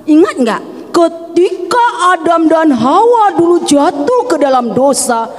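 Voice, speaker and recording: A woman's voice: extremely high pitch, very animated, slow pace. A woman preaching a children's Sunday sermon, animatedly asking the kids questions. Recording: echoey hall.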